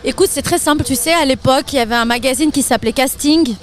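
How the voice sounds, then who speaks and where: A French woman with a high voice chats freely as an interview guest, laughing easily between her stories. Faint music plays in the background. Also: fast. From France. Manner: lively, laughs often, chatty with fillers. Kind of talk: casual interview chat.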